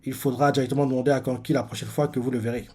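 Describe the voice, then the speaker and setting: Calm female clan chief, voiced by a man, measured, explanatory, plain reading voice. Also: mid-range voice, husky, close to an everyday voice.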